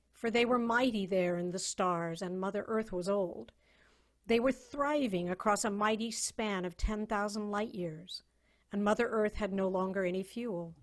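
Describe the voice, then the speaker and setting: With theatrical gravity, a woman reads a dramatic story over a video call. She speaks slowly and deliberately, at a mid-range pitch.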